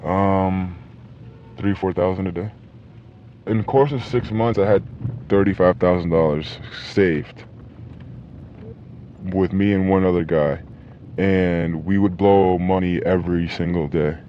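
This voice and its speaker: Man with a disguised, deep-shifted voice. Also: fairly even intonation. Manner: halting, full of fillers and restarts. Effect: voice electronically disguised, shifted low. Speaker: former drug dealer being interviewed. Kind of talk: casual interview. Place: inside a moving car. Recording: dull lo-fi sound with faint noise.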